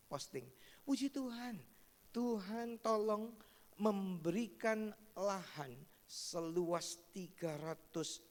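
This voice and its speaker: A man preaching a sermon as pastor, animated and storytelling, acting out family members' voices. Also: a little high. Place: large church hall. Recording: long church hall reverb.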